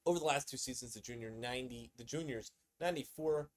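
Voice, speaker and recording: A man hosting a casual sports commentary video, excitable and conversational, often repeating himself. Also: medium pitch, fast talker.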